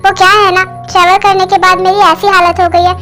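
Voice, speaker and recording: A woman's voice: extremely high pitch, little pitch movement, a little fast, over music. Woman dubbing a sad self-blaming young wife. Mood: reassuring. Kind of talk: fan dub.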